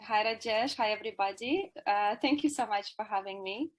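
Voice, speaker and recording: A woman, a yoga therapist answering interview questions in an earnest, measured way with many "uh" fillers. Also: mid-range voice. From Ukraine. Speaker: guest, Ayurveda yoga therapist.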